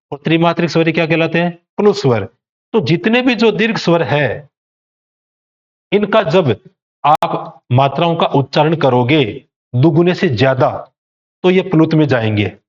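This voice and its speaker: A man's voice: on the high side, muffled recording. A male teacher giving an exam coaching lecture, explaining step by step and posing rhetorical questions to students.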